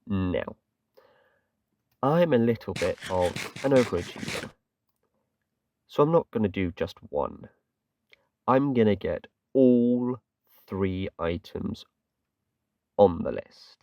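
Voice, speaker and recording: With big pitch swings over a fairly low voice, this slightly mellow Englishman speaks slowly and pauses often. The dry recording places him far from the mic. He hosts a gaming channel, chatting casually and ramblingly through play, self-deprecating and prone to fillers like "kinda."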